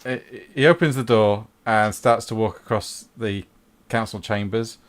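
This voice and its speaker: Male game master, fairly low voice, lively descriptive narration of a tabletop game. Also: unhurried.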